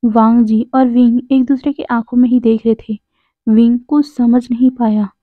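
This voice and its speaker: Woman storyteller, high pitch, dry, tinny phone-like recording. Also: level tone, moderate pace, no echo. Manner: rephrases as she explains, addresses viewers. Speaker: fanfiction narrator. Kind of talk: storytelling narration.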